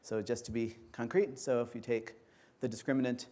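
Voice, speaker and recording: Male conference lecturer, mellow tone, measured step-by-step delivery, auditorium. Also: medium pitch, little pitch movement.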